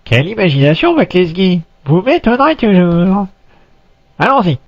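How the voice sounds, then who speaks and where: A man playing an eager, gushing, childlike scientist sidekick in an animated short. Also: sits high, moderate pace, muffled recording, heavily acted. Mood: enthusiastic.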